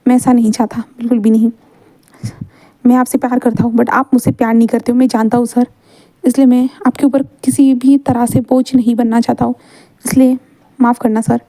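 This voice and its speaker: A woman voicing a young male student in a fan story read aloud. The student pleads softly and hesitantly, often repeating words. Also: fairly high pitch, flat delivery, brisk, no room sound, lightly acted. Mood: pleading.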